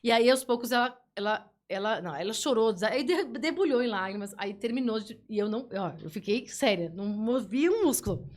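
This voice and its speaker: A woman, a guest telling stories in a playful, animated way. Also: fairly high pitch, a little fast, few pauses. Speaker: podcast guest. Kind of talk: casual interview chat.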